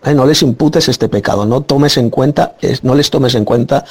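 A man's voice: mid-range voice, normal speed, darkish tone, slightly rough. A man arguing a Bible passage in a preaching style, insistent and repeating his point emphatically. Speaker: Bible teacher in a debate. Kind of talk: preaching argument.

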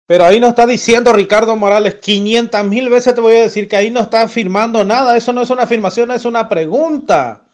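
A man's voice: extremely high pitch, fast talker. A man, a preacher delivering a heated, scolding Bible rebuttal that hammers the same points again and again. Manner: scolding, insistent, repetitive.

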